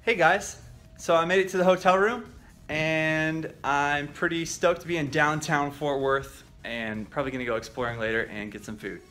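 A man's voice: on the high side, fairly even intonation, moderate pace, bright, forceful tone, faint music behind. A young man chatting upbeat and playful into a handheld camera as he travels. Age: young adult. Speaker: vlogger. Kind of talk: casual travel vlog. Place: airports, plane, car, hotel room. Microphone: handheld camera at arm's length.

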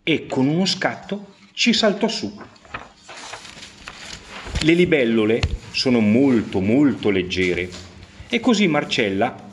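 A man narrating a children's fairy tale, expressive, with rising swells and slowed emphasis. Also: slight background noise. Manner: expressive storytelling with pitch swings and slowed emphasis. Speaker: storyteller.

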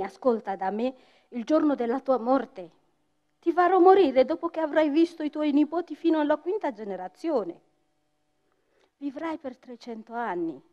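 A woman voicing God as a grave, stern male deity in a told folk tale, with a measured delivery. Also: fairly high pitch, dark tone, natural voice. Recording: dull lo-fi stage recording with faint music.

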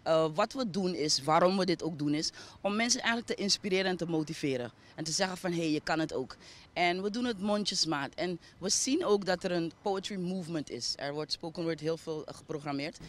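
Speaking fairly quickly in a lowish voice, this arts foundation founder with a Surinamese accent answers interview questions thoughtfully and explains at length, sprinkling in English. She stands by a street with a handheld interview microphone, and outdoor sounds are picked up around her.

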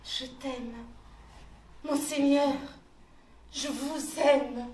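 A woman's voice: sits high, a little slow. An actress playing a devoted, fearful young noblewoman in classical verse theatre, speaking her lines tenderly and with measure. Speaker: stage actress. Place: theatre stage. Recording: echoey stage, distant mic, faint hiss.

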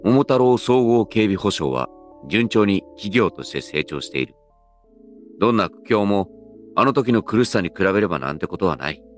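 An actor playing an earnest, dignified company president in a comedic radio drama, with pompous, measured executive speech. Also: male voice, low voice. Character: Momotaro, earnest dignified male company president of folk-tale fame.

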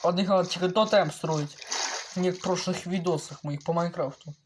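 A man giving casual gameplay commentary, excitable and cursing, yelling at the creatures in his game. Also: sits high, brisk, a little hiss or hum. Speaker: let's play gamer.

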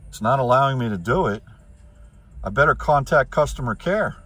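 A husky man chats away from the driver's seat of his car. He rambles and thinks aloud as he goes, trailing off and picking his thread back up. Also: mid-range voice, lively intonation, normal speed, a bit bright. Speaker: vlogger reviewing electric cars. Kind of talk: casual talk while driving. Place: inside a car.

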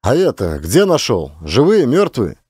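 A man doing a barking gruff police officer. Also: mid-range voice, huge pitch swings, unhurried, no room sound, studio quality, exaggerated voice. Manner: barking, loud and demanding. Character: gruff stern male rural police officer.

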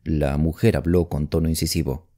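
A man narrating a mystery audiobook in an expressive storytelling manner. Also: rumbling low, moderate pace.

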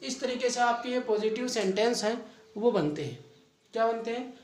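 High-voiced man teaching in an echoey room. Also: normal speed, far from the mic. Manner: asks questions and answers them himself. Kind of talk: classroom grammar lesson.

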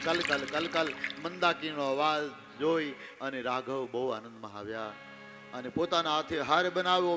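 A man's voice: a little high, bright, forceful tone. A man with a Gujarati accent preaching a devotional sermon, telling the story expressively and speaking straight to his audience. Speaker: Ram Katha preacher. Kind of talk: devotional sermon with sung verses.

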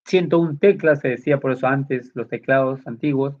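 A man of medium pitch and moderate pace teaches a computer class, explaining each step and checking in with short tag questions. The classroom lesson is captured with a dull, lo-fi sound.

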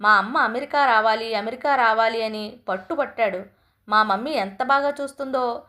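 A woman's voice: fairly high pitch, normal speed, bright, forceful tone. A woman voicing an indignant young mother who sharply scolds her mother-in-law in a storybook reading. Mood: accusing.

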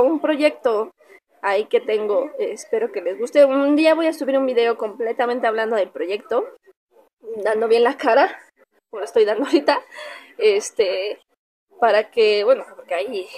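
A woman's voice: on the high side, normal speed, darkish tone. A young woman with a Mexican Spanish accent, casually chatting in a pet vlog and cooing at her dog. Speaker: vlogger.

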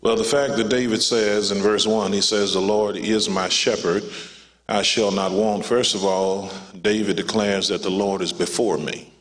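A man with a fairly low voice preaches a funeral sermon from the pulpit. He speaks in a preacher's cadence and often calls his listeners "child of God." His voice rings with the long reverb of a church sanctuary. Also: moderate pace. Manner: preacherly, rising to a high excited pitch at the climax. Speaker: pastor.

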